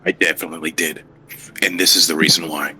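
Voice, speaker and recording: A man's voice: extremely low pitch, steady tone, a little fast, bright, forceful tone, husky. A man playing in a tabletop game, with a dry, teasing manner. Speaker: player. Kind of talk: casual tabletop banter.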